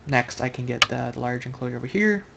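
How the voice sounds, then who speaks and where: A man with an expressive, creaky mid-range voice talks quickly, giving loose, rambling commentary on his own online Go game. He thinks aloud and corrects himself mid-sentence at his home computer, and the recording is very noisy.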